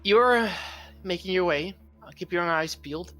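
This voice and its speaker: A man's voice: sits high, normal speed, fairly bright tone, soft background music. A man with a Southern US accent, narrating as game master in a joking, laid-back way with frequent fillers. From Southern United States. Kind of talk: narrating a tabletop game on a live stream.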